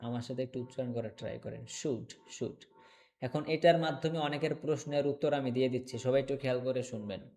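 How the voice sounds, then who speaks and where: Man drilling words in a slow, patient lesson. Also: medium pitch, a little mellow. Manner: slow, repetitive drilling of words, checks in with "okay?". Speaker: English teacher. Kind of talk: online English lesson.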